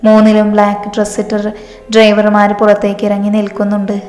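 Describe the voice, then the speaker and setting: A woman storyteller narrating a romance story in a steady, even manner. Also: mid-range voice, brisk. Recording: echoey room, long reverb, faint music.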